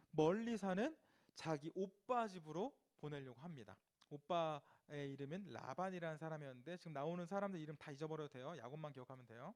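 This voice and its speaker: Animated, high-voiced youth pastor. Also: male voice. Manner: animated, conversational, asks rhetorical questions. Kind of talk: storytelling youth sermon.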